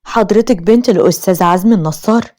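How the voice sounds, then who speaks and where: A woman with an Egyptian accent voicing a polite, formal male lawyer in an animated story. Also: mid-range voice, fast, natural voice. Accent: Egyptian Arabic.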